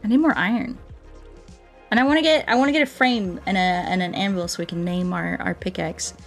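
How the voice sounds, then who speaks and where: A woman with a brisk, gravelly, lowish voice is livestreaming a game, chatting playfully and rambling along with her viewers. Music plays behind her.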